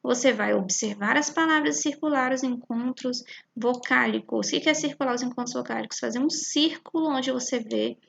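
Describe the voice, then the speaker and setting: A Brazilian woman teaching a primary class, patiently explaining a worksheet and slowly sounding out syllables with frequent checks like "right?". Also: fairly high pitch, gravelly, highs cut off. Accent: Brazilian Portuguese.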